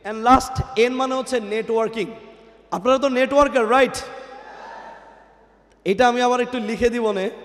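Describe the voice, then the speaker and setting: A high-voiced male guest speaker gives a motivational speech at a company event, quizzing the crowd and mixing English into his talk. He speaks into a PA microphone in a large indoor event hall, where a long reverb creates a cathedral-like echo.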